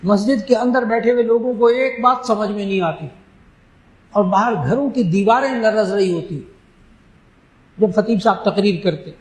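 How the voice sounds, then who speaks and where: A Pakistani Islamic scholar gives an emphatic religious talk, answering questions and slowing down to stress key phrases. His voice sits high, and the room sounds echoey.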